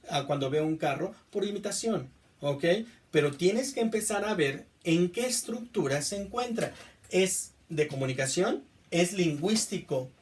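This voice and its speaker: A male teacher with a Mexican accent giving a classroom lecture, often checking understanding with a quick question. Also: sits high, a little mellow, distant mic. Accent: Mexican Spanish. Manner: repeats "¿estamos?" to check understanding.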